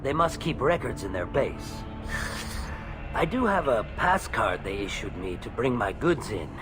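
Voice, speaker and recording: A man's voice: mid-range voice, sing-song, a little slow, over music. A man voicing a shifty, nervous alien merchant in a video game, with a slippery, theatrical and ingratiating manner. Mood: sly, wheedling.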